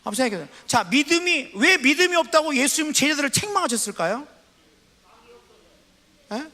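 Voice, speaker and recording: A man preaching a sermon as pastor, asking the congregation questions and reading scripture aloud slowly. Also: extremely high pitch, sing-song, pushed and bright, in a large hall. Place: church sanctuary.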